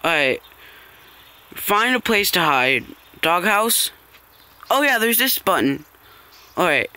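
A man's voice: high voice, big pitch swings, takes it slowly, sharp tone, clean tone. A man doing casual gameplay commentary as a let's play host, thinking aloud hesitantly.

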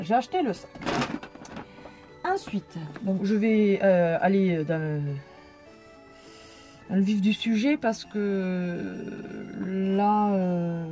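A woman's voice: mid-range voice, warm tone. A young woman chatting casually through a shopping haul vlog, with many fillers and restarts. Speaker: vlogger showing shopping haul.

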